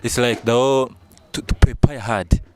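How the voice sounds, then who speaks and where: A man hosts a casual outdoor street interview, quizzing his guest playfully and informally. His voice sits at an ordinary mid pitch, and his talk is loose and friendly. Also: fairly even intonation, normal speed, no echo. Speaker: interviewer and channel host. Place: outdoors in a town.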